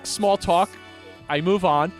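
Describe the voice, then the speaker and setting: A man's voice: high-pitched, slow pace, soft background music. A man telling long rambling anecdotes as a podcast guest, with many restarts. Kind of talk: casual storytelling.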